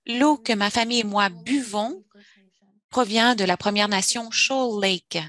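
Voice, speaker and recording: A woman interpreting a formal webinar presentation as it happens. Her voice sits at an ordinary middle pitch, and her delivery is measured, with phrasing that runs in uneven bursts. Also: a bit bright. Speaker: simultaneous interpreter.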